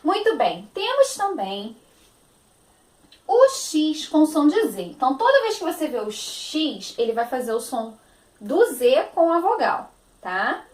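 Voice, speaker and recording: A woman's voice: high-pitched, very animated, measured pace, darkish tone, roomy sound. A woman teacher with a Brazilian Portuguese accent, giving a phonics lesson to young children, stretching out words in a sing-song, affectionate manner.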